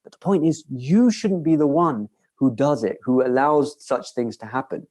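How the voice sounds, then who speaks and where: A man's voice: medium pitch, moderate pace, darkish tone. A young man answering audience questions in a casual lecture, earnest and conversational, often restarting his sentences.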